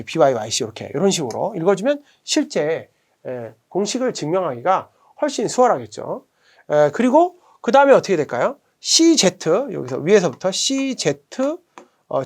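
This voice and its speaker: A middle-aged man, head of a tutoring academy, giving a whiteboard math lesson and patiently repeating each term slowly. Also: on the high side, a little mellow. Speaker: academy director teaching math.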